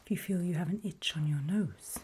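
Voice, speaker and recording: This ASMR roleplay features a woman whispering breathily at a fairly low pitch, leading the listener with quiet, measured short phrases and pauses. There is a little hiss or hum in the background.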